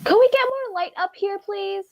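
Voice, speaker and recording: A woman's voice: extremely high pitch, normal speed, creaky. A woman voicing a gushing, chirpy TV host in a sing-song voice in a table read of a screenplay.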